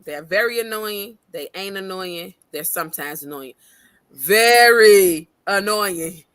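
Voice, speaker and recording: A woman's voice: on the low side, moderate pace, fairly bright tone, no echo. A woman co-hosting a casual chat show, a mother who is playful and laughs often. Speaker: co-host.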